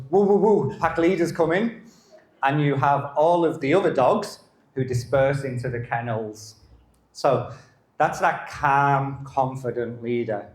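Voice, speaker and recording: A middle-aged man, a dog behaviour specialist, giving a live masterclass in a calm manner and short broken phrases. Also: mid-range voice. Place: live lecture venue. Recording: roomy echo.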